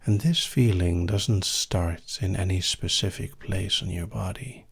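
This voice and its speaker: Low male voice, very slow, soft and intimate right in your ear, soothing hypnosis induction, half-whispered, long pauses. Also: creaky, breathy edge. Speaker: hypnosis session host. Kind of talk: live relaxation hypnosis induction.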